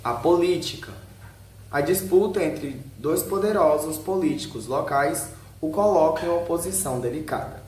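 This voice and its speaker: With a voice on the high side and a darkish tone, a Brazilian video narrator reads his script at normal speed, section by short headed section, now and then tripping on a word. Faint background noise and a roomy echo surround him.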